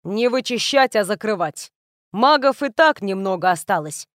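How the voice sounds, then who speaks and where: A woman doing a calm, cold royal bodyguard. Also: medium pitch, moderate pace, no room sound, studio quality, close to an everyday voice. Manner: calm, indifferent.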